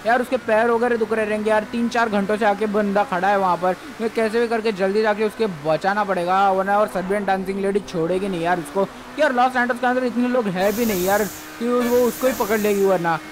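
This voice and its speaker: An anxious young man, played by a man rambling with worry in a game role-play. His voice sits fairly high for a man, over a faint hiss of noise. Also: fairly even intonation, fairly quick, few pauses, close to an everyday voice. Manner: worried, rambling.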